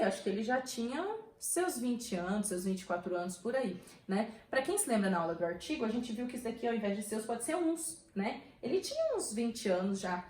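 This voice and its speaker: A woman's voice: a little high, darkish tone, echoey room, low-quality recording. Chatty Brazilian woman teaching grammar. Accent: Brazilian Portuguese. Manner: chatty, checks in often with tag questions. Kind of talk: online grammar lesson.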